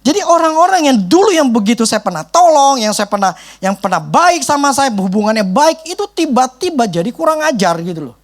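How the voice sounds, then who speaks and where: A man's voice: extremely high pitch, big pitch swings, brisk, few pauses. A male pastor preaching a sermon in an emphatic, conversational way, leaning on casual tags. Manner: emphatic, conversational, repeats "gitu loh".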